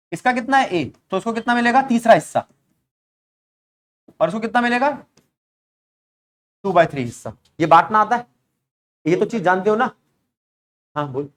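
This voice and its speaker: A young man teaching physics in a classroom, chatty and joking, telling stories and quizzing students by name. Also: sits high. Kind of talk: classroom lecture.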